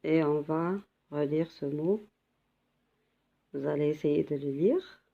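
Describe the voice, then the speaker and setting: A woman's voice: low voice, takes it slowly, creaky, narrow, tinny audio. A woman teaching a beginner language lesson, patiently sounding out syllables and repeating each one. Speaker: Arabic teacher.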